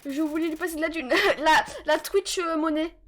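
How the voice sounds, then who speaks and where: A woman streaming a game live on a headset, chatting with viewers in a joking, excitable way with sudden yelps. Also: sits high, moderate pace. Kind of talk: casual live-stream chat while gaming.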